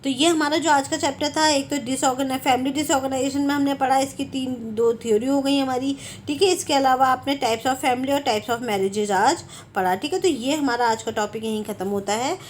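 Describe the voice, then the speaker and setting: A woman with a high voice delivers an exam-prep lecture. She explains each point step by step and keeps checking in with "okay". Faint background noise sits under the recording. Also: moderate pace, few pauses. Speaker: home science teacher. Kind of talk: Hindi lecture for exam students.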